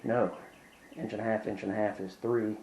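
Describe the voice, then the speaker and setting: A man's voice: fairly low pitch, little pitch movement, normal speed, darkish tone, slight background noise, poor audio. A young man chatting casually while building in a hot workshop, out of breath, rambling and self-deprecating, swearing when frustrated, filmed on a handheld camera. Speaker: woodworking vlogger.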